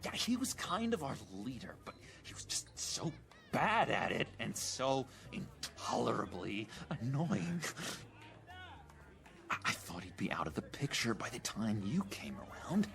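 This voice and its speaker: A man's voice: mid-range voice, very animated, measured pace, vocal fry, fairly bright tone, full character voice. A giddy, unstable young man. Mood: earnest. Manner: erratic, sing-song, giggling. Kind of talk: video game voice acting.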